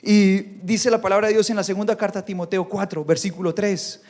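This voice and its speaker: A male pastor preaching a sermon, animated and acting out the voices he quotes. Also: high voice, brisk. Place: church. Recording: church hall reverb.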